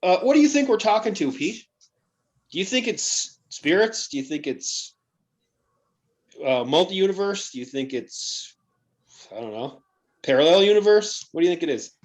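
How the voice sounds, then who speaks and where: A podcast host with a high-pitched, very animated voice tells stories in a chatty, casual way, packing in lots of you-know fillers. He talks at a moderate pace with long pauses.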